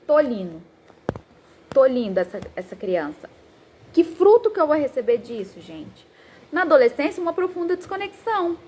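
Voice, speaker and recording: A woman psychologist in her thirties giving a talk on parenting, animated and acting out quoted parents and children. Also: high-pitched, normal speed, slight background noise.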